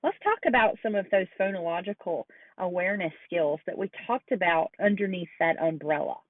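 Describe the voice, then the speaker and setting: A woman giving a recorded lecture on early reading skills, slowing down to model sounds and words carefully. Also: fairly low pitch, no echo. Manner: slow, deliberate modeling of sounds. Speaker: teacher educator. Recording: dry, phone-like lo-fi audio.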